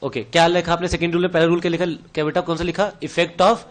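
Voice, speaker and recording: A man with a high voice and Indian English accent runs a revision lecture in a classroom. He fires question after question at his students, calling them "beta" and answering them himself. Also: little pitch movement, fast. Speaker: teacher.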